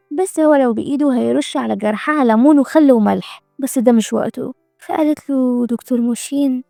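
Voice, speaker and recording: Egyptian woman narrating a recap, rapid and gravelly, mellow tone, dry close sound. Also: on the high side, no echo. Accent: Egyptian Arabic. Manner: colloquial, wry asides.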